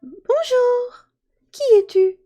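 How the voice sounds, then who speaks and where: Une petite fée de conte pour enfants, jouée par une conteuse, la voix perchée tout en haut et perçante. Elle est joueuse mais se vexe vite, et elle couine dès qu'elle a mal. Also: female voice, expressive, very slow, warm tone, full character voice. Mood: playful. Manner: very high, squealing. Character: tiny playful girl fairy, touchy, shrill when hurt.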